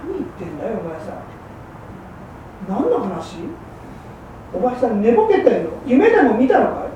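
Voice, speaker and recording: Woman as a high-voiced, scolding Edo wife; far off, echoey hall. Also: huge pitch swings, warm tone, highs cut off. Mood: reproachful. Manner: coaxing, reproachful, brisk. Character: patient, shrewd working-class wife of a fishmonger. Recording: roomy hall from far off, faint hum.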